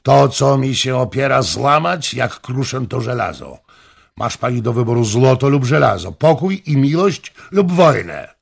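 Casting: a man playing a commanding king in an audiobook, raised and loud, gravelly and husky, bold and threatening. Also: mid-range voice, very animated, a little slow, full character voice. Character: proud forceful king, grown man.

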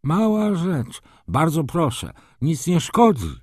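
A man voicing a vain, flustered nobleman in an audiobook, talking in a shrill, fussy voice. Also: big pitch swings, slow pace, dry recording, studio quality, exaggerated voice. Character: shrill vain old-school male baron.

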